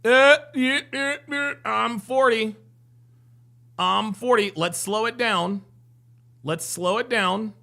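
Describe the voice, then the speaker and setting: A man's voice: high-pitched, takes it slowly, vocal fry, pauses often, pushed and bright. A man commenting live on a dating show clip, joking and repeating himself as he reads out viewer comments. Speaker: streamer reacting to a dating show. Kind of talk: live stream reaction commentary.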